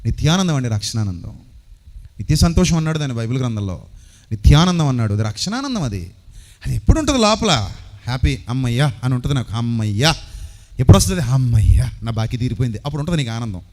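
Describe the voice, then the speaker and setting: Animated preacher in a reverberant hall. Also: male voice, racing. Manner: animated, rhetorical questions to the congregation; acts out voices of others in sudden pitch swings. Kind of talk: sermon. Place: church or seminar hall.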